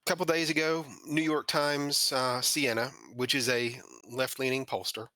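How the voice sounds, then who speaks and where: A man hosting a podcast, his voice bright and forceful with a mocking, sardonic edge. He talks into a close mic in a dry room with no echo. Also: mid-range voice, little pitch movement, moderate pace. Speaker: podcast host. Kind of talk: scripted monologue then casual chat.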